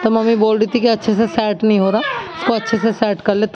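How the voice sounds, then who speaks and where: A woman's voice: medium pitch, little pitch movement, quick pace, lo-fi sound, noisy background. A young woman chatting casually while cooking in her home kitchen, rambling with many asides. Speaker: village vlogger.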